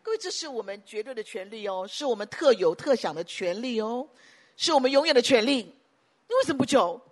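A woman pastor preaching a sermon emphatically, piling up repeated phrases and breaking into sudden loud bursts. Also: fairly high pitch, animated, brisk.

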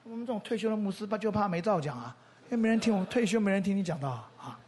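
A man's voice: high voice, rapid-fire, a little mellow, slight background noise, natural voice. A man voicing an elderly retired pastor, humble and eager to preach.

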